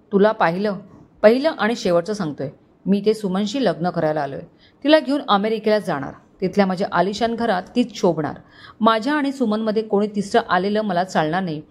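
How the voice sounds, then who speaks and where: A woman's voice: mid-range voice, brisk, natural voice. A woman voicing an arrogant, possessive young man who mixes English into his speech and taunts his rival. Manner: taunting, sharp.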